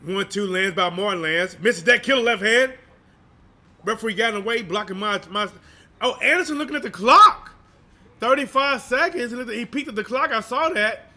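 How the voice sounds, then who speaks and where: Male fight streamer, high and bright voice, informal slangy delivery, live boxing play-by-play. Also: animated, normal speed. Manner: slangy, informal, chatty with viewers. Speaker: boxing livestream commentator and channel host.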